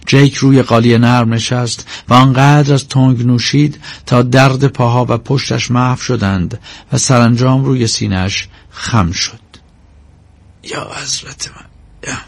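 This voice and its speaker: A man narrating a novel in a steady, measured storytelling voice, recorded on a close microphone. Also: medium pitch, creaky, no echo. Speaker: audiobook narrator. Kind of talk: scripted narration.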